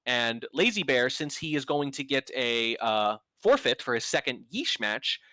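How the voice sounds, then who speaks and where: A man's voice: medium pitch, very animated, unhurried, sharp tone. A man co-casting a video game match, chatty and sarcastic, joking as he breaks down the players. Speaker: co-caster. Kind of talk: esports commentary.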